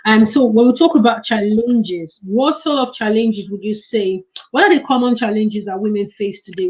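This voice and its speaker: A woman's voice: mid-range voice, darkish tone, muffled recording. A woman hosting an online event as an author, talking in an encouraging, rambling way. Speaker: host and author.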